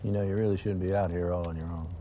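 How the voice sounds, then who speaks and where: An actor playing a calm, gently persuasive preacher who leads a hungry group, in a TV drama scene. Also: male voice, deep voice, rapid-fire, a little hiss or hum, close to an everyday voice. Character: soft-spoken man, a preacher leading a hungry group. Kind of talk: TV drama acting.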